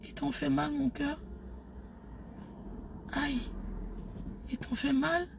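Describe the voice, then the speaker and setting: A woman playing a sultry lover on the phone, in a whispered role-play that is soft, breathy and coaxing. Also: high-pitched, fairly even intonation, a little slow, a little hiss or hum, voice pushed up, full character voice.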